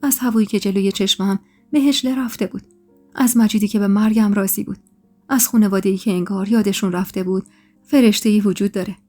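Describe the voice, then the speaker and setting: A woman telling a first-person story in an intimate, emotional voice. Her pitch sits in the middle range. Soft music plays faintly behind her narration. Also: steady tone.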